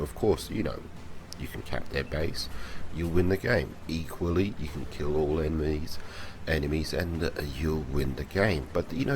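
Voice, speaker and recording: A man with a slight cold, sounding worse for wear, giving casual gaming guide commentary and repeating phrases for emphasis. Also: rumbling low. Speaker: gaming video host.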